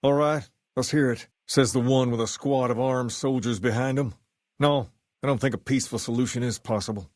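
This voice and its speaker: A man playing a self-assured, folksy gang boss in a video game, with a Southern US accent and a measured way of talking. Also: mid-range voice, a little mellow, no echo, clean studio sound, close to an everyday voice. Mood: firm, defiant. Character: charismatic, folksy male gang boss styled on a rock-and-roll idol. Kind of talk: video game character dialogue.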